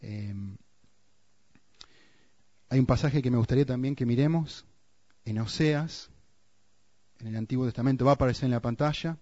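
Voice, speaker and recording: A man with a Rioplatense Spanish accent preaching a sermon, dropping to hushed emphasis and then rising into urgent, repeated phrases. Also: medium pitch, normal speed, long pauses, no room sound, highs cut off. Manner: swings between hushed emphasis and raised, urgent repetition.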